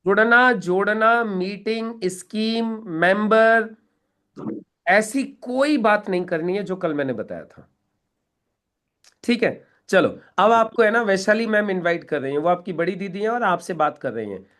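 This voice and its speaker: High-voiced man coaching a live class. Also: sing-song, normal speed, a bit bright. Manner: coaching, acts out sample dialogues. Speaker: network marketing trainer. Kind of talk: live online training session. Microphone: video call.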